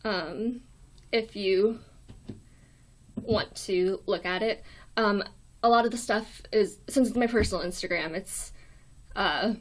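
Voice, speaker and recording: A woman's voice: mid-range voice, takes it slowly, pauses often. A young adult woman from the United States with a weak, thin voice, hosting a casual livestream in a hesitant, apologetic way. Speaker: live stream host. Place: small dorm room.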